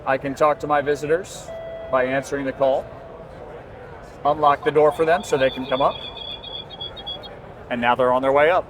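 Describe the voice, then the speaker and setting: A man with a mid-range voice and steady tone speaks at a moderate pace, leaving long pauses, as he gives a conversational product demonstration for his company. He's at a busy indoor trade show booth, surrounded by continuous exhibition hall noise.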